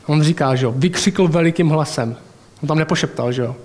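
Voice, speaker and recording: Man, preacher, casual chatty sermon, voice a touch high. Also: darkish tone. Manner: colloquial and chatty, with personal anecdotes and asides.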